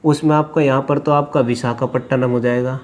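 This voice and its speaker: A man teaching a lesson, explaining step by step, asking questions and answering them himself, drawling names slowly as he writes. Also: medium pitch, steady tone, darkish tone. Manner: drawls place names slowly while writing. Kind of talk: classroom lecture at a board. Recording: faint background noise.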